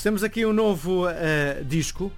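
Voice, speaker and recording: This radio host speaks in a high voice at normal speed over soft background music. With his European Portuguese accent, he conversationally interviews a guest, probing with questions, and also reads the weather.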